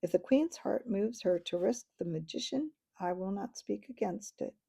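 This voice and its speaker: A woman voicing a gallant, formal mouse knight in a storybook reading, with a dark, husky voice. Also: mid-range voice, moderate pace. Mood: solemn. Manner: formal, courtly.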